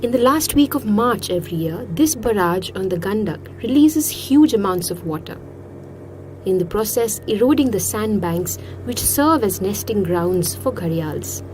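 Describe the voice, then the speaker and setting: A woman's voice: mid-range voice, animated, moderate pace, over music, poor audio. A woman reading scripted narration for a nature documentary, as its narrator.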